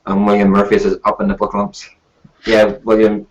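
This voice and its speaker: A man's voice: lowish voice, completely flat delivery, normal speed, highs cut off. A man hosting a live stream and reviewing products in casual, chatty talk.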